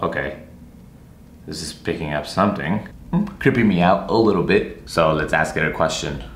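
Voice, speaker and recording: A man's voice: rumbling low, expressive, moderate pace, slight background noise. A young man vlogging casually from a hotel room and its hallways, chatty and half-joking with a nervous edge, filmed on a camera held at arm's length. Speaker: travel vlogger. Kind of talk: casual vlog narration. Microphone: handheld camera held at arm's length. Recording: echoey room with faint ambience.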